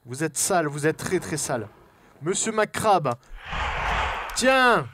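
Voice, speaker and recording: Joueur français nerveux à la voix animée. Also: male voice, a little high, expressive, a little slow, noisy background. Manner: jokey, jumpy, swings from whispers to yelps. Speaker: let's play host. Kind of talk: horror game let's play commentary.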